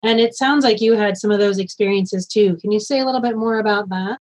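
A woman interviewing a guest for a treatment program, leading into questions conversationally with gentle fillers. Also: medium pitch, fairly quick, poor audio.

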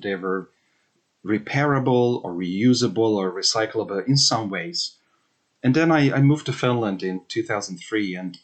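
A man born in Hungary, in his thirties, talks through his research in an interview. His voice sits on the low side, and he thinks aloud with fillers and restarts. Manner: thoughtful, many fillers and restarts. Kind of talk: interview answers.

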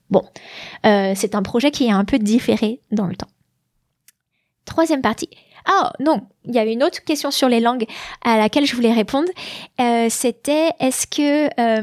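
A woman's voice: fairly high pitch, darkish tone, no room sound. A woman from France hosting her podcast in a casual, hesitant monologue with many fillers, on a large studio mic. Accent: French with slight English influence. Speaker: podcast host. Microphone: large studio mic with headphones.

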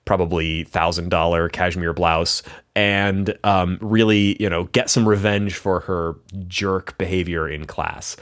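Guy hosting a game podcast, super animated, up and down all over, gushy. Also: lowish voice. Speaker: podcast host. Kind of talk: casual game discussion.

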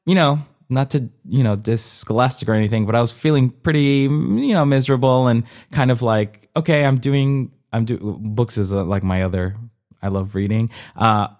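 The same Colombian guest, a young comedian and former dancer, speaks here at normal speed in a medium-pitched, darkish voice. Chatting casually in the interview and sharing personal stories, he sounds hesitant, keeps correcting himself and often checks for agreement with "you know."

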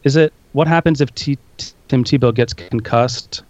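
A man's voice: medium pitch, normal speed, darkish tone, no room sound. A man co-hosting a casual podcast, talking in loose, filler-heavy rambles with a self-mocking edge. His voice comes through dull and lo-fi in a dry, dead-sounding setting. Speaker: podcast co-host. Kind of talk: casual chat.

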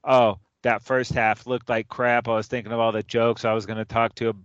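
A man's voice: mid-range voice, flat delivery, normal speed, clean tone, dry recording. A man chatting football picks in an easy, jokey way, tossing in "dude" as he goes. The sound is dry and close, a little muffled. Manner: loose, jokey, calls his partner dude. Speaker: sports podcast co-host. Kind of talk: casual sports chat.

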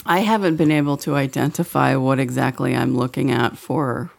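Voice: mid-range voice, fairly even intonation, moderate pace, creaky. A therapist co-hosting a podcast in casual chat, giving dry, short replies.

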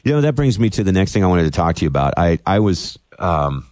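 A radio talk show host interviewing a guest, opinionated and getting worked up. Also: male voice, deep voice, big pitch swings, fast talker, a little mellow, no room sound.

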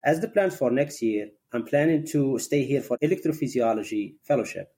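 A man in his thirties from Morocco, a cardiology fellow, introducing himself in a relaxed way with small hesitations. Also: medium pitch, brisk. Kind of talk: conversational self-introduction.

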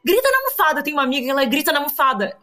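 A woman's voice: sits high, very animated, racing, bright, forceful tone. A woman, a teacher and parenting educator, talking in a podcast conversation and acting out quoted parents and children.

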